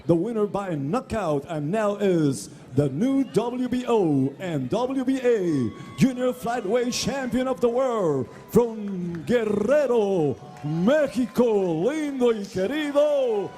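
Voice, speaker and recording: A man ring-announcing a fight in a booming lucha libre announcer manner, formal and bilingual, stretching out shouted names. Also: animated, takes it slowly, few pauses, soft background music.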